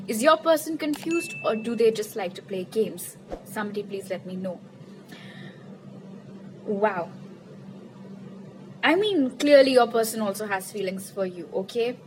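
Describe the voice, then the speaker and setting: A woman's voice: medium pitch, lively intonation, measured pace, long pauses, slight background noise, rough recording. A woman reading tarot cards in a casual, chatty way, repeating her questions to Spirit and laughing at her own jokes. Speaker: tarot reader.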